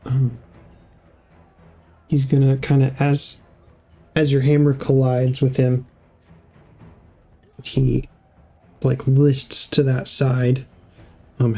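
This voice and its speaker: Male game master, unhurried, mellow tone, hesitant narration with fillers. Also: medium pitch, level tone, faint music behind. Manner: halting, with many fillers and restarts.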